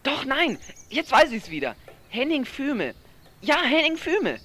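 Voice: high voice, big pitch swings, unhurried, sharp tone, exaggerated voice. Cheeky chubby teen boy, someone acting him, voice bouncing all over, boasts and whines. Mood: chatty. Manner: chatty, boastful, whiny. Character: chubby cheeky teenage boy, food-loving. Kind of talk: radio play acting.

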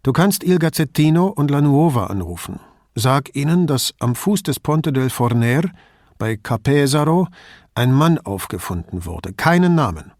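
A man reading an audiobook, voicing a firm, dryly ironic male police commissioner giving brisk instructions. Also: mid-range voice, expressive, darkish tone, no room sound, studio quality, pitched above the performer's own voice, lightly acted.

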